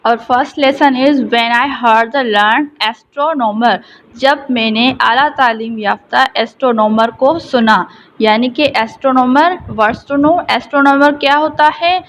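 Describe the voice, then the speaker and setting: High-voiced Pakistani woman teaching English slowly. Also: low-quality recording. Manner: reads English slowly, then explains it in Urdu. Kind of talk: recorded classroom lesson.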